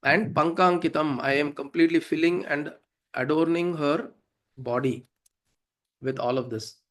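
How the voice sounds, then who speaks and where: An unhurried man with a somewhat bright, higher-pitched voice teaches Sanskrit devotional hymns. His South Indian accent comes through as he explains the verses casually and instructively, often checking in with questions.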